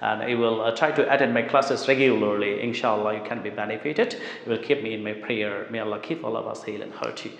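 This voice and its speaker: A man teaching a spoken English lesson, drilling translated phrases and stressing key words loudly. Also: lowish voice, takes it slowly, vocal fry, hardly any pauses. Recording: echoey room with long reverb.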